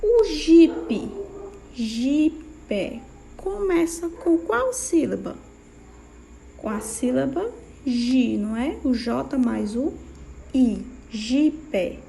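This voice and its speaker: A young Brazilian woman teaching small children, speaking very slowly and clearly with a patient, sing-song manner. Her slightly high voice carries a gravelly edge of vocal fry. A faint room ambience sits behind her. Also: animated, mellow, a little hiss or hum. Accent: Brazilian Portuguese. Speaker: primary school teacher.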